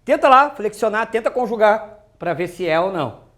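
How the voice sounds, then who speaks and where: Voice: medium pitch, animated, moderate pace, fairly bright tone. A teacher giving an exam-prep grammar lesson, chatty and full of joking asides and rhetorical questions.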